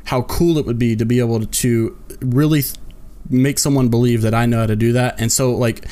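A man's voice: mid-range voice, steady tone, fairly quick, mellow. A man hosting a podcast, asking long, rambling, chatty questions. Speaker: podcast host. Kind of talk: casual interview chat.

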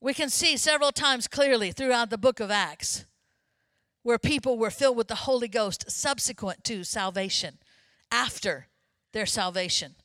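Bright, high-voiced woman preaching. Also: moderate pace, no room sound. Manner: lively, conversational preaching with asides to the congregation. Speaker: pastor. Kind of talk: sermon.

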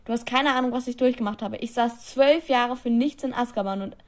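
A woman voicing an angry, bitter grown man who snaps loudly at his daughter. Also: brisk, close to an everyday voice. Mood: furious. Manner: loud, snapping, raised pitch.

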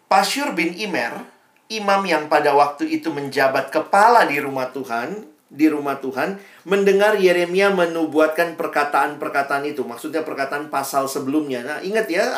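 A man's voice: fairly high pitch, a bit bright. A young man giving a casual devotional talk to a campus fellowship, chatty and informal, with slangy asides and tag questions. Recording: echoey room.

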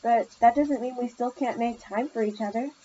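A patient, gentle sign-language teacher, as a woman reading a story puts her on. She sounds a little higher and softer than the narration. The audio is muffled, with a faint background hiss. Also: normal speed, close to an everyday voice. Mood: gentle, apologetic. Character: kind, busy older female sign-language teacher.

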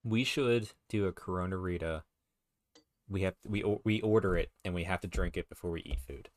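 A man co-hosting a podcast, chatting casually, rambling with restarts and quick laughs. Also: deep voice. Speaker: podcast co-host. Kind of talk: casual chat.

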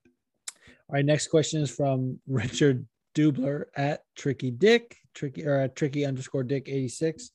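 A man's voice: mid-range voice, fairly even intonation, a little slow, darkish tone, no room sound. A man hosting a podcast, chatting casually and rambling, swearing often. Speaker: podcast host.

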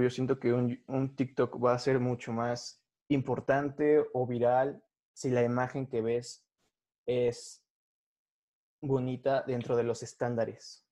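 Young Mexican co-host; mellow, dark voice, laid-back, slangy, opinionated. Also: male voice, mid-range voice, creaky. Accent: Mexican Spanish. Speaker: podcast co-host. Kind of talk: casual podcast chat.

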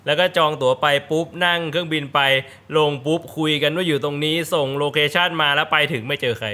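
Guy teasing his friends, bright sharp voice, a bit high. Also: fairly even intonation, fast. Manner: teasing, storytelling. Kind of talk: casual chat among friends.

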